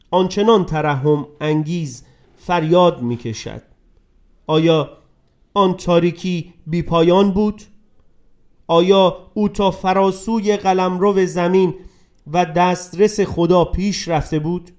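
A man narrating a dramatic story in a scripted reading, dropping to a hush and rising with emotion. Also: fairly high pitch. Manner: dramatic, swings between hushed and raised voice.

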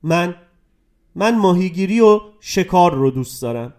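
A proud, stubborn young man who answers in short, grumpy replies, voiced by a man reading the story. His voice sits fairly high for a man. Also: lively intonation, darkish tone. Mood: sullen. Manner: curt, grumpy.

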